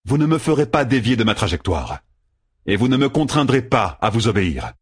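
A resolute young male hero in an audiobook, grim and unbending, played by a man. He speaks in firm, measured declarations, a little above the reader's own pitch and husky. The sound is dry and close. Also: very animated, no room sound.

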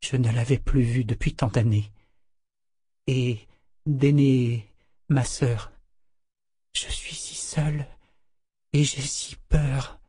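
A haunted young woman, as a male narrator puts her on, fragile and frightened, her soft voice trembling and slipping into whispers. The tone is husky and dark in a dry, close storybook reading. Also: mid-range voice, fairly even intonation, slow pace, long pauses, no room sound. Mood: terrified.

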